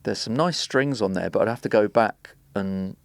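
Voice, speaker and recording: A man, a guest producer, chatting in a relaxed, hesitant way with many pauses. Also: on the low side, gravelly, no room sound. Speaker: guest, drum and bass producer. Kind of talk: casual chat. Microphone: podcast studio mic.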